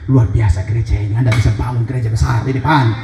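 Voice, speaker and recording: A man's voice: mid-range voice, fairly even intonation, fast. A male pastor preaching a sermon, emphatic and repetitive, speaking straight to his congregation. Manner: emphatic preaching, repeats key phrases, addresses congregation directly. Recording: echoey hall with noise.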